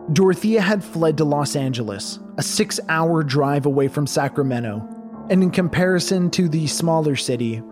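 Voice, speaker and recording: A man narrating a true crime story in a measured, dramatic scripted style. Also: a little high, a little mellow.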